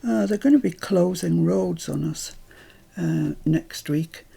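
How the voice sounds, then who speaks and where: A woman's voice: on the low side, takes it slowly, gravelly, warm tone, husky. An older British woman chatting through a crafting tutorial at home, rambling into asides as she works.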